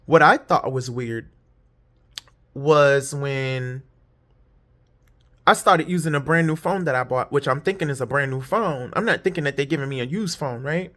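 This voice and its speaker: A tired woman telling a long story in a rambling, candid way, swearing freely and jumping up in pitch whenever she quotes someone. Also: moderate pace, pauses often, fairly bright tone. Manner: jumps high when quoting others; putting on false lashes while talking. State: tired, yawning. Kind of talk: casual storytime monologue.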